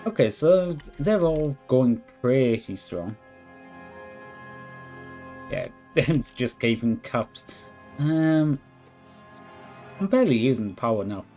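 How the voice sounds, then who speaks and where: Faint background music accompanies a male live streamer whose mid-range voice is hoarse and worn after hours of talking. He drawls his way through laid-back game commentary, thinking aloud unhurriedly and talking with his viewers.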